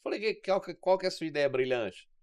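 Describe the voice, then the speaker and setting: A man's voice: fairly high pitch, lively intonation, fast, smooth, dry recording, clean studio sound. A man with a Mineiro Brazilian accent, chatting casually on a podcast as an exercise science guest and telling stories full of acted-out quoted dialogue. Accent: Mineiro Brazilian Portuguese.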